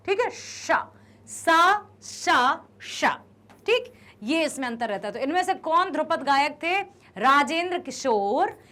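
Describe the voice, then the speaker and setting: A woman teacher with a high voice that climbs and falls a great deal. She takes her time and unhurriedly walks students through quiz questions, cheering on correct answers. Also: fairly bright tone. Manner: encouraging, asks questions and praises answers; stresses careful pronunciation. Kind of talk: Hindi quiz lesson for students.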